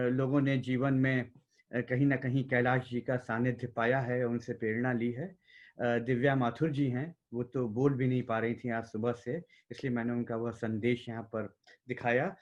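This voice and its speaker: A man hosting an online memorial meeting in Hindi, measured and courteous, speaking over a video call. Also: mid-range voice, muffled recording. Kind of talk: formal memorial moderation.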